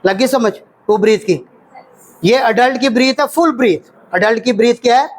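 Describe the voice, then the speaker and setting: In a classroom full of trainees, a man with a Pakistani Urdu accent and a high-pitched voice leads practical CPR training. He calls out the counts as drills and keeps testing the group with questions. His pace is normal, and the low-quality recording carries slight background noise.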